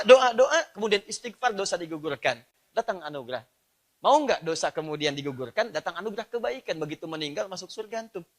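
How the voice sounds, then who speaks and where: A man with an Indonesian accent preaching a sermon, moving between emphatic raised phrases and softer explanatory asides. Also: sits high.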